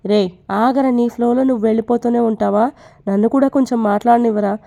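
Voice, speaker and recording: Woman doing a teasing young guy friend, joking around, bit high, lo-fi. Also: steady tone, fairly quick, gravelly, dark tone. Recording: dull lo-fi recording.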